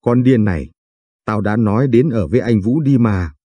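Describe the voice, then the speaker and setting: A man's voice: fairly low pitch, animated, normal speed, dark tone, slightly rough, no echo. A man voicing a tough, foul-mouthed young woman who scolds and threatens, in an audiobook reading. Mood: scolding. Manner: coarse, threatening, bossy.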